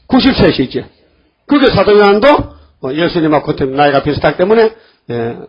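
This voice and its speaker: An older man preaching a sermon in a church, lively and acting out the voices of the people he quotes. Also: sits high, husky, dull audio. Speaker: pastor.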